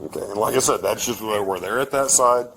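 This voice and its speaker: A man with a fairly low voice talks very quickly, firmly explaining procedure as an officer on duty. He repeats his points, with faint noise behind him. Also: creaky, a bit bright. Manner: firm, repetitive explaining. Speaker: police officer taking a statement. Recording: background noise from body camera.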